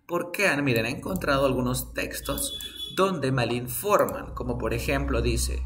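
A man's voice: medium pitch, fairly bright tone. A man teaching an online English class in Spanish, explaining patiently and often asking his students questions.

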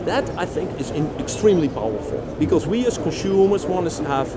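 A man's voice: sits high, animated, a little fast. A middle-aged man, a company general manager, explaining a machine in a trade show interview with many fillers. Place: busy trade show floor, indoors. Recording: loud crowd noise. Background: loud crowd chatter.

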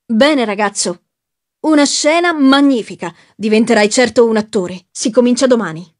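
A woman's voice: on the high side, moderate pace, darkish tone, close to an everyday voice. A woman reading the part of a shrewd, self-assured male acting teacher in a knowing tone. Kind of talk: audiobook reading.

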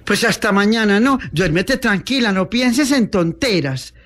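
An easygoing young gentleman, voiced by a man reading aloud. He sounds relaxed and drawls his words, with a fairly high-pitched voice. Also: unhurried.

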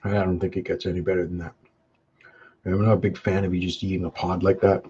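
Fast-talking and flat, his voice is dark and husky. The man, a Canadian hot sauce vlogger, eats spicy pizza on a live webcam stream, sweating from the peppers as he hums and chews between short comments. It's captured on a webcam mic in dull, low-fi audio with faint noise.

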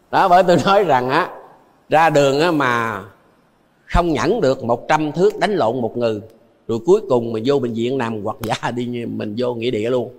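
An older Buddhist monk with a Southern Vietnamese accent gives a dharma talk packed with anecdotes, chuckling often and repeating phrases for emphasis. His voice is medium-pitched at a moderate pace, heard in a large hall.

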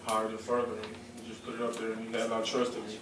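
A young man answers post-game questions in a loose, easygoing way, dropping "man" between phrases. His voice stays mid-pitch and flat. He sounds distant in a reverberant room with noise behind him. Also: very fast. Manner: laid-back, says "man" often. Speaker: receiver at a press conference. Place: large echoey press room. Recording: echoey room, distant mic, background noise.

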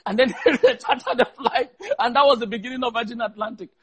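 A man preaching fervently as a guest, repeating words in quick bursts and firing rhetorical questions. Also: extremely high pitch, breathy edge.

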